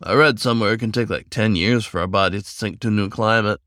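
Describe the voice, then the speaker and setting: A man voicing a confident, teasing male tiger who speaks in a low, slow purr. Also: a bit bright, dry recording, clean studio sound.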